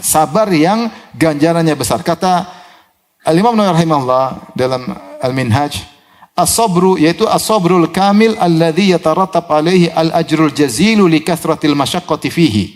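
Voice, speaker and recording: Indonesian man preaching a lively sermon. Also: a little high, moderate pace. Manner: lively storytelling with acted quotes and chuckles.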